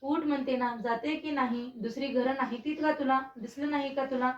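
A haughty queen driving an old woman from her door with insults, as a woman narrator reads her lines. Her voice is high and distant in a reverberant room. The recording sounds dull and lo-fi. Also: fairly even intonation, normal speed, lightly acted. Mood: contemptuous. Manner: shouting insults. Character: proud, harsh queen.

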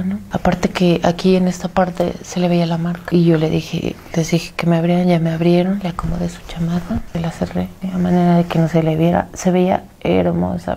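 A middle-aged woman with a Mexican accent, a bereaved mother giving a halting, tearful testimony that often sinks to a whisper. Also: on the low side, gravelly, warm tone. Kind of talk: personal testimony.

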